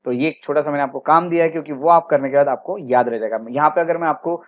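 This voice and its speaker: A man's voice: a little high, quick pace, narrow, tinny audio. A man with an Indian accent teaching a history lecture for exam preparation, explaining step by step and mixing English words into his speech.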